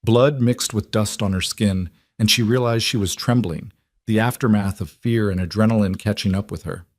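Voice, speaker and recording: A man reading a western story aloud as narrator, in a measured, even storytelling manner. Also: on the low side, no room sound, studio quality. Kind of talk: scripted narration.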